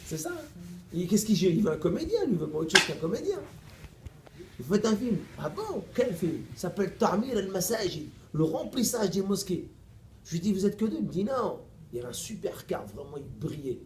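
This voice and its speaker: A middle-aged man preaching in a mosque, telling a story in a lively, playful way and acting out the dialogue. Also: sits high, brisk, a little hiss or hum. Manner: animated, playful, laughs often, acts out dialogue. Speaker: preacher giving a lecture. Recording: echoey room recording with faint ambience.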